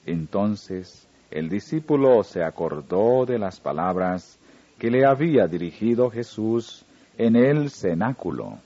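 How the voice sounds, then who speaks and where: A man reading a religious story aloud in a slow, solemn narrating manner. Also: lowish voice, expressive, dark tone. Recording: dull lo-fi recording with faint music.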